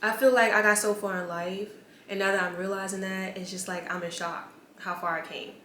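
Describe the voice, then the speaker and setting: A young woman in her twenties vlogs with a steady tone, speaking fairly quickly in a mid-range, somewhat bright voice. She's candid and chatty, peppering her talk with "like." The camera-mic recording sounds roomy, with faint ambience and slight background noise.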